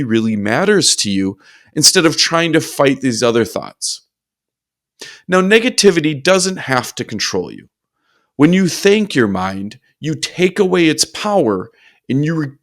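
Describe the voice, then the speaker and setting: A man's voice: fairly high pitch, a bit bright. A man coaching in a motivational video lesson, upbeat with playful asides.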